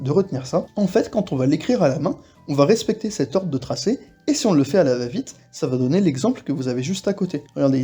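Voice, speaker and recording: A man teaching a casual video lesson, explaining relaxedly and repeating example words slowly. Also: a little high, dark tone. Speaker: Korean language teacher.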